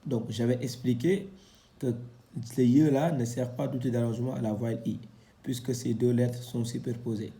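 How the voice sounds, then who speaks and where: A man teaching a Quran reading lesson, sounding out syllables one at a time and explaining with frequent pauses. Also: mid-range voice, steady tone, warm tone.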